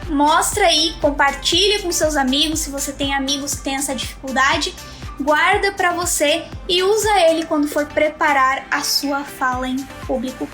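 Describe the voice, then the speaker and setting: High-voiced Brazilian woman teaching speaking skills. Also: moderate pace, a bit bright, faint music behind. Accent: Brazilian Portuguese. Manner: didactic, direct address to viewers, acts out example voices. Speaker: communication and public speaking teacher. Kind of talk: live-streamed lesson. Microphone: phone.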